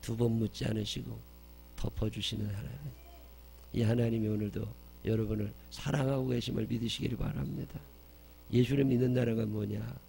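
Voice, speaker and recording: A man preaching a sermon as pastor, telling stories with loud emphasis and dropping soft for tender quotes. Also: fairly low pitch, little pitch movement, brisk, vocal fry, a little hiss or hum.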